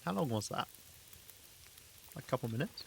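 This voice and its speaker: A man with a Southern English accent streams a game and chats casually with his viewers. His voice is bright and forward, his talk loose and full of laughter. A faint noise sits underneath. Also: mid-range voice, lively intonation, normal speed, creaky. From England. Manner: chatty, laughs often, answers chat. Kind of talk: casual live-stream chat.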